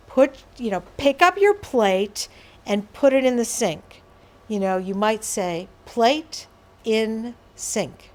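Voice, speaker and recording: A woman presenting a workshop to an audience, explaining patiently with everyday examples and asides. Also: fairly high pitch. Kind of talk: educational talk on behaviour management.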